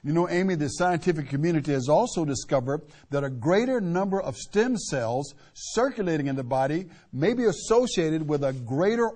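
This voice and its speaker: Higher-voiced, husky male infomercial host. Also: a little mellow. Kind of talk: scripted presenting.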